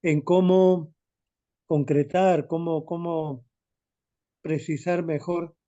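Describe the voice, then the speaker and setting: A male student explains his essay idea in a slow, hesitant way, pausing often to find the right words. His voice sits a little high but sounds mellow and dark. The audio is muffled, like a video call. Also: steady tone.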